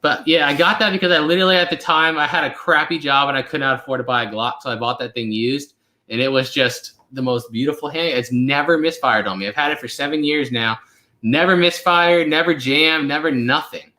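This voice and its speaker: A man's voice: on the high side, a little fast, sharp tone. Chill guy in his 20s, rambly q&a chat, lots of "like", roomy echo. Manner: laid-back, rambling with many fillers. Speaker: channel host. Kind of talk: casual live Q&A chat.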